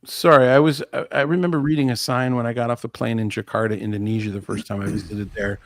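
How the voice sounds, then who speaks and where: A middle-aged man co-hosting a podcast, chatting casually with playful deadpan teasing. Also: medium pitch, quick pace. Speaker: podcast co-host. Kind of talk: casual chat.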